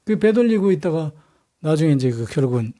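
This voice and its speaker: Male storyteller, casual and rambling, blunt coarse wording, warm tone. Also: on the high side, sing-song, a little fast, no echo, studio quality. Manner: rambling, many fillers and restarts, coarse slang. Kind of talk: casual history storytelling talk.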